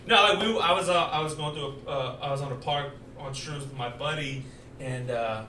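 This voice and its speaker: A young man from Houston performing a stand-up comedy set, rambling loosely and acting out dialogue with big jumps in loudness. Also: mid-range voice, brisk, noisy background. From Houston, Texas. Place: comedy club stage with live audience. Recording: roomy club sound, mic heard from a distance, crowd laughter.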